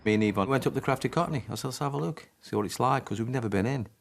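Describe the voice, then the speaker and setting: A former player, interviewed, tells stories in a rapid-fire, mid-range voice with vocal fry. He shares anecdotes and acts out the conversations he remembers, voicing the quoted dialogue.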